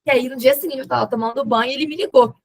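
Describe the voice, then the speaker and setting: Gravelly Brazilian young woman storyteller. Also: high voice, very fast, rough recording. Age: young adult. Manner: lively retelling that acts out quoted dialogue, with laughs. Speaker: podcast guest. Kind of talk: personal storytelling in a podcast interview.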